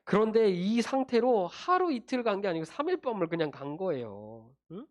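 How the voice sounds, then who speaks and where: Animated male pastor preaching to children. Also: sits high, moderate pace. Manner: animated storytelling, addressing kids directly with tag questions. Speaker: junior pastor. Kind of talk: children's sermon.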